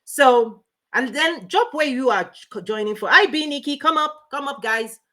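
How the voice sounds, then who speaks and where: A woman hosting a motivational livestream as a life coach, talking fast and emphatically, repeating key points and greeting viewers by name. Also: high voice, expressive, bright, forceful tone. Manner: speaking fast.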